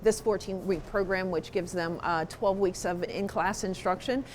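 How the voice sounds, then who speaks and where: A woman's voice: medium pitch, steady tone, normal speed, a little hiss or hum. A woman who instructs a culinary program, explaining it in a matter-of-fact interview. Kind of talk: interview answers.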